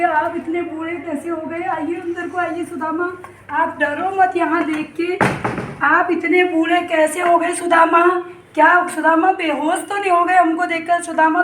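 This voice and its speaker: A woman's voice: extremely high pitch, fairly bright tone, recorded from a distance, slight background noise, pitched above the performer's own voice. A woman playing the god Krishna, an emotional, coaxing young man who keeps calling out to his old friend. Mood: excited. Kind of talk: devotional story enactment. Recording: roomy, voice from afar.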